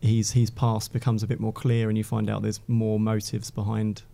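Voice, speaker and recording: A man's voice: lowish voice, completely flat delivery, normal speed, creaky, dark tone. A man, a games journalist guest, chatting eagerly in a studio and restarting his phrases often. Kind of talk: casual studio chat. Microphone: studio microphone.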